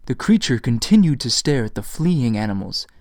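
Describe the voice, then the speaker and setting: A man narrating his own fantasy novel in a measured storytelling voice, recorded on a desktop mic. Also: mid-range voice, very animated, darkish tone, no echo, studio quality. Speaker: author and narrator. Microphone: USB desktop mic.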